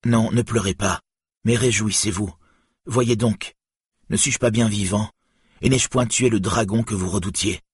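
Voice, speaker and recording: A man's voice: lowish voice, normal speed, slightly rough, no echo, studio quality. A man voicing a proud, wrathful hero warrior who commands and accuses, in an audiobook reading. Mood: commanding.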